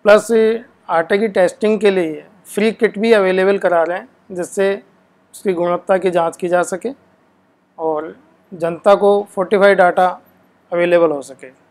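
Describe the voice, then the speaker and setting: A woman's voice: lowish voice, steady tone, a little slow, a little mellow. A woman, an official, speaking in a plain, businesslike way in an interview.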